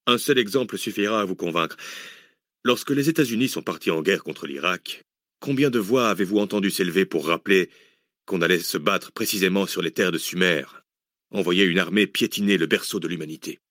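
A man voicing a learned male scholar who lectures in a measured tone in an audiobook. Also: low-pitched, fairly bright tone, dry recording, studio quality. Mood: lecturing. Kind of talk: audiobook character voice.

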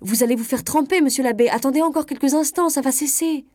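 A woman reading a story aloud, voicing a pompous, self-important male state official who talks loudly and eagerly. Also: mid-range voice, fairly quick, dry recording, clean studio sound, natural voice. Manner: boastful, bossy, loud and eager.

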